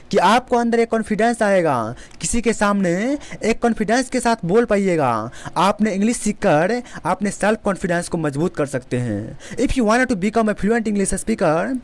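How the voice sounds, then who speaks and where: Indian-accented English teacher, lively pitch, slow deliberate repetition of drill phrases. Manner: repeats each English example slowly several times; explains in Hindi, models English phrases deliberately. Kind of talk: Hindi-medium English lesson.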